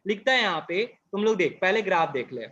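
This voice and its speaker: A man's voice: sits high, lively intonation, sharp tone, dull audio. A male physics teacher lecturing a class, explaining and then asking and answering his own questions. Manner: reads English definitions slowly, word by word.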